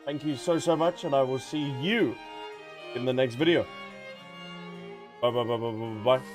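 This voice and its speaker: A male game streamer, mid-range in pitch and speaking at normal speed, talks directly to his audience in a relaxed, chatty livestream while game music plays.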